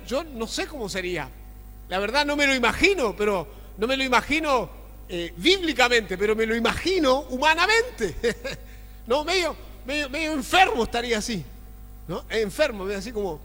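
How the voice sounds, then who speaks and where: High-voiced pastor preaching in a reverberant hall. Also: male voice. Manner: swings between loud exclaiming and low murmured asides, asks the congregation often. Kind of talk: sermon. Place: church sanctuary.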